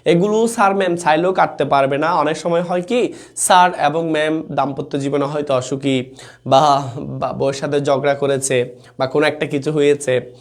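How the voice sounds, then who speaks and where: A young man leads a live online exam-prep class in an informal, chatty style, reading student comments aloud and checking in with students often. His voice is on the high side, with fairly even intonation and a normal pace.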